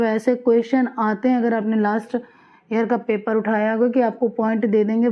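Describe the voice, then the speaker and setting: A woman teacher giving an exam-prep lecture, reading questions out slowly and then explaining in a quick Hindi-English mix, repeating key answers. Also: a little high. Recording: dull lo-fi sound.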